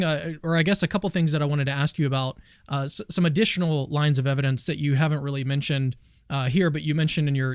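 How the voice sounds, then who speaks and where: A man's voice: on the high side, no echo, studio quality. A man interviewing a guest, asking rambling questions full of fillers and restarts. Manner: eager, hedging with uh and restarts. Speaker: interview host.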